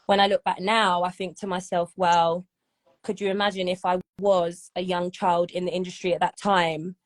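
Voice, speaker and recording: This singer, a woman in her thirties, is a guest chatting informally in an interview, frequently checking in with "do you know what I mean?" She has a lowish voice, an even tone, and a normal speaking speed.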